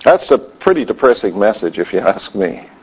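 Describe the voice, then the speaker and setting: A man's voice: lowish voice, big pitch swings, moderate pace, husky. A man preaching a sermon in a conversational way with wry asides. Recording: dull lo-fi sound.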